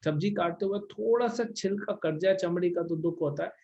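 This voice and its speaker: Man with a high voice giving a lecture on scripture. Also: normal speed, gravelly, warm tone. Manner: conversational, checks in with rhetorical "hmm?". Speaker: spiritual teacher. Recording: dull lo-fi recording.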